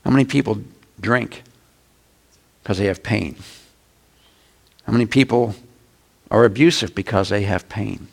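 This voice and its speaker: A middle-aged man, a pastor, preaching a conversational sermon with sudden loud shouts. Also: fairly low pitch, measured pace, vocal fry, pauses often.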